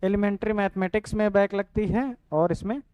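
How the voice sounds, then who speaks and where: A man's voice: high-pitched, fairly quick, clear, resonant tone, no room sound, highs cut off. A young man, explaining a course lesson casually and checking in often with "theek hai". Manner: repeats "ठीक है" and addresses students directly. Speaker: online coaching teacher.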